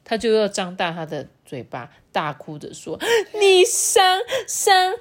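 A woman reading a picture book aloud to children, lively and playful, with chatty asides. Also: fairly low pitch, normal speed. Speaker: storyteller.

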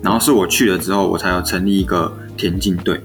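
A young male teacher with a Taiwanese Mandarin accent tells classroom stories at a quick clip. His voice sits fairly low, and he slips into little acted-out bits of dialogue. Soft music plays faintly underneath. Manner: animated storyteller who acts out quoted dialogue. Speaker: elementary school teacher. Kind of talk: casual storytelling chat. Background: faint background music.

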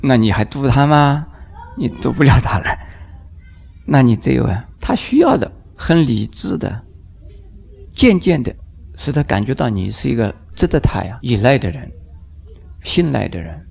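An older man, a Buddhist master, giving a dharma lecture in an unhurried way, drawing out his phrases and briefly acting out the voices in his examples. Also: mid-range voice, big pitch swings, gravelly, a little mellow, breathy edge. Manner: unhurried, drawn-out phrases with sentence-final particles, acting out quoted voices.

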